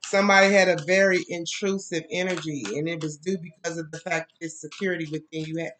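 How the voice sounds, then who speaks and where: A tarot reader talks fast in a slightly bright voice with fairly even intonation, against slight background noise. The reading is casual and loose, packed with fillers, punctuated by bursts of laughter and high-pitched mimicry.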